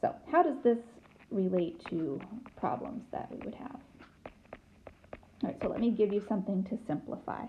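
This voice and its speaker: A woman's voice: mid-range voice, lively intonation, normal speed, long pauses, phone-quality sound, slight background noise. A woman math teacher recording a whiteboard lesson, chanting formulas out in rhythm with dry, teasing asides. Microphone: tablet mic.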